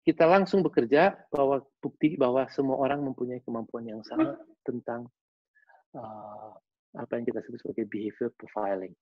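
A man giving a lively webinar lecture, acting out facial expressions with casual slang asides. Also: medium pitch, moderate pace, no echo. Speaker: behavioral analyst giving a webinar talk. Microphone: video call. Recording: dull lo-fi video call audio.

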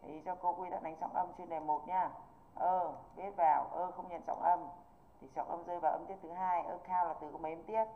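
A woman teaches an online English exam review, stopping often to check that her students follow. Her voice sits a little low. It comes through a narrow, tinny video-call line. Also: steady tone, a little fast. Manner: patient, repeatedly checking students understand.

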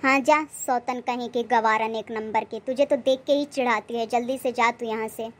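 A woman does a nasty young co-wife in a cartoon. high, sharp-sounding voice, sneering and bossy, hurling insults and barking orders. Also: steady tone, normal speed, close to an everyday voice. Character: spiteful young second wife, haughty and bossy.

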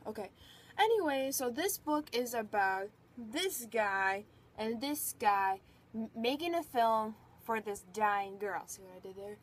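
A woman's voice: on the high side, expressive, a little slow. A young woman casually reviewing a book on camera, rambling and chatty, a little out of breath. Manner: rambling, chatty, filler-heavy. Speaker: book vlogger. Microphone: phone or webcam.

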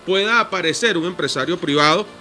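A Venezuelan man on a radio panel, speaking in a slightly high, bright voice. He lays out his view step by step and addresses the host formally. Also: fairly quick, soft background music. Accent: Venezuelan Spanish. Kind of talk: debate commentary.

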